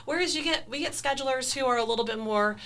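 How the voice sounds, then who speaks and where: A woman's voice: high-pitched, quick pace, sharp tone. A woman working as a staff trainer explains procedures conversationally in a corporate training video interview, with an enthusiastic, emphatic manner.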